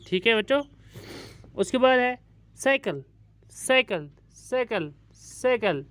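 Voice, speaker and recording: A male English teacher giving a recorded lesson to schoolchildren, patiently repeating each word several times and stretching it out. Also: high-pitched. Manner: patient, addresses pupils as dear children. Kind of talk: recorded online classroom lesson.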